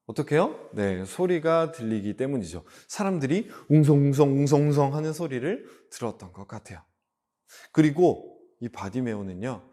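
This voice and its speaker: A man preaching a children's sermon, telling the story in an animated way and asking the kids questions. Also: medium pitch.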